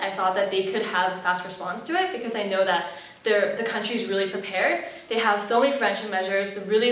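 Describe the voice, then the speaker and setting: A young woman in her twenties, from Malaysia, answers interview questions in a chatty, upbeat way, full of ums and restarts. Her voice sits at a middle pitch. The sound bounces around a very echoey room, and she stands well back from the mic. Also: a bit bright, recorded from a distance. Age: 20s. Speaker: head chair interviewee.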